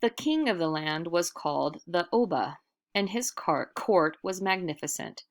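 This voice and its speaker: Here a woman with a low voice tells a picture-book story, giving it expressive narration and deliberate, dramatic stress.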